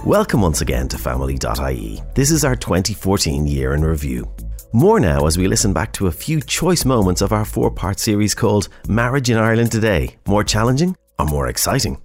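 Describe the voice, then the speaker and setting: A man hosting a radio show, presenting in a measured, announcer-like way. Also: low-pitched, big pitch swings, a little mellow. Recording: faint music bed behind.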